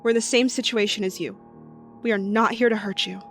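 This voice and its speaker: A woman voicing a calm male adventurer with a cane, speaking softly and soothingly, near a whisper. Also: mid-range voice, a little fast, faint music behind, lightly acted.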